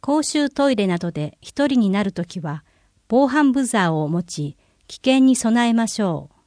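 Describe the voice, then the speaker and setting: A woman reading a city bulletin aloud in a clear, measured way, slowing down for phone numbers and contacts. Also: on the high side, expressive, darkish tone, no echo, clean studio sound. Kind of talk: scripted reading of public notices.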